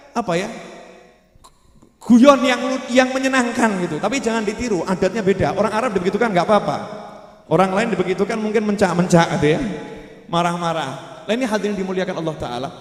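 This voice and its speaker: A man preaching a storytelling sermon, acting out the voices of the people in his stories. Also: sits high. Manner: lively storyteller who acts out quoted voices. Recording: echoey hall with long reverb.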